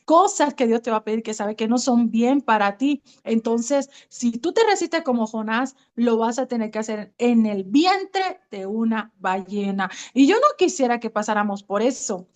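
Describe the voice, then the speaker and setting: Earnest Colombian woman preaching, slightly high voice. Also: animated, normal speed, hardly any pauses. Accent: Colombian Spanish. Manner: earnest, speaks straight to her listeners as sister. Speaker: women's ministry speaker. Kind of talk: testimonial sermon.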